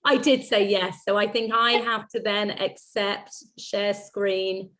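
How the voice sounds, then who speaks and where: A woman's voice: mid-range voice, steady tone, slow, fairly bright tone. A woman hosting an online networking event, encouraging and chatty. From United Kingdom. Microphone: video call microphone.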